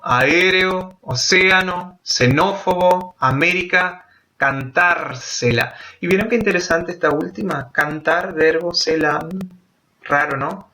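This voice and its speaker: Bright-voiced teacher. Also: male voice, on the high side. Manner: explanatory, slows down to spell out example words. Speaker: Spanish teacher. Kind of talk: grammar lesson for Portuguese speakers.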